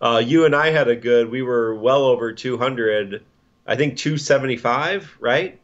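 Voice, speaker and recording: A man's voice: medium pitch, normal speed, highs cut off. A man co-hosting a casual gaming podcast, rambling and restarting his sentences. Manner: rambling, restarts often, chuckles. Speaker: podcast co-host.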